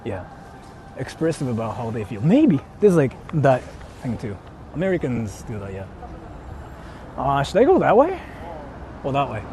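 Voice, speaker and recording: With vehicles and city sounds in the background, this man from Japan streams live from the street, speaking with a Japanese accent. His mellow, medium-pitched voice swings hugely in pitch at a normal speed, broken by long pauses, as he answers viewers in an informal, blunt, rambling way.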